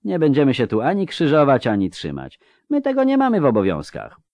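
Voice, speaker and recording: A man's voice: mid-range voice, wildly swooping pitch, brisk, a little mellow, dry recording, pitched above the performer's own voice. A man playing a stubborn prison guard. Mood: stubborn refusal. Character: reluctant male prison guard, blunt.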